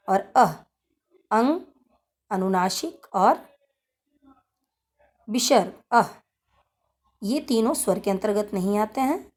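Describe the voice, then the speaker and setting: A woman teacher explaining a grammar lesson to children, repeating key points in a deliberate way. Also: mid-range voice, darkish tone. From India. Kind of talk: slow classroom lesson explanation.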